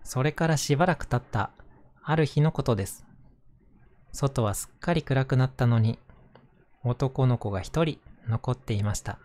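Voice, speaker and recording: A man gently narrating a picture book in a soothing manner, as if reading to a child at bedtime. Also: mid-range voice, moderate pace. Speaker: storyteller reading picture books aloud to listeners.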